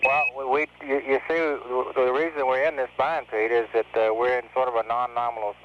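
A man's voice: medium pitch, flat delivery, fairly quick. An American man at mission control on astronaut radio, explaining technical matters in a hesitant way. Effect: radio transmission. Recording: muffled, noisy 1970s mission radio. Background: faint radio noise.

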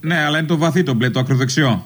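A man's voice: mid-range voice, fairly even intonation, music in the background. Man teasing, joking radio host. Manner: teasing, mock-consoling jokes. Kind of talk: comic banter.

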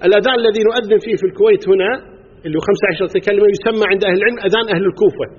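A man with a Kuwaiti Arabic accent teaches a class on religious law at a very fast clip, pausing to quiz his listeners and count items aloud. His voice sits high and sounds somewhat husky. The recording is dull and lo-fi, with a long hall echo trailing each phrase. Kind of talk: religious lesson to a live class.

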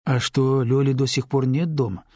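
A man's voice: medium pitch, fairly even intonation, moderate pace, a little mellow, no room sound, clean studio sound, lightly acted. A man reading an audiobook, voicing a weary middle-aged woman who speaks tiredly but firmly. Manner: tired, sighing, firm.

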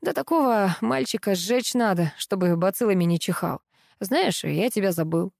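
A woman voicing a calm, restrained adult son and husband in an audiobook reading. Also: medium pitch, normal speed, creaky, dry recording, clean studio sound.

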